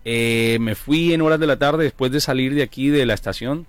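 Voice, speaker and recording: A man co-hosts a radio program, chatting in a medium-pitched voice. He tells his story casually, pausing often on fillers. His voice sounds close and dry, with no room echo. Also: clear, resonant tone. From Colombia. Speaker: radio co-host. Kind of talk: casual radio chat, anecdote. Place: radio studio.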